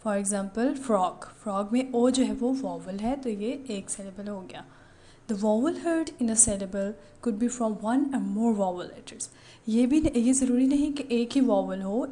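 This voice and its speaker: A woman teacher giving an online class lecture, slowly explaining each word to young students. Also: medium pitch, mellow.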